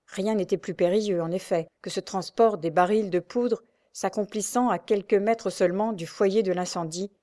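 A woman narrating an adventure novel aloud in a steady, dramatic storytelling voice. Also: mid-range voice, normal speed. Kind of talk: audiobook reading of an adventure novel.

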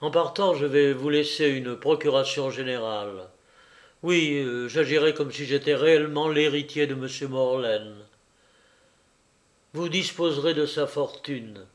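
A man reading aloud and voicing a grave, resolute young sailor who speaks in a solemn, measured way. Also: fairly high pitch, close to an everyday voice.

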